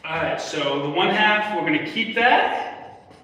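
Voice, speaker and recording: Young guy doing a casual math lesson, repeats steps, kinda high voice, super echoey room. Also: lively intonation, measured pace, sharp tone. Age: young adult. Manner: step-by-step explaining, repeats himself. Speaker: math teacher on a livestream. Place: indoor room with whiteboard in a public library. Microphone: phone camera a step away. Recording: echoey room, distant microphone.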